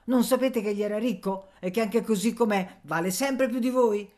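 A woman's voice: fairly high pitch, moderate pace, a little mellow, pitched above the performer's own voice, close to an everyday voice. A woman reading as an indignant poor village woman, protesting sharply. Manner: defiant, protesting.

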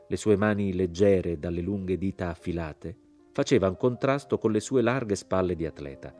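A man reading a literary novel aloud as an audiobook, in a measured, steady way. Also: low voice. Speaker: audiobook narrator. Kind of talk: scripted literary narration.

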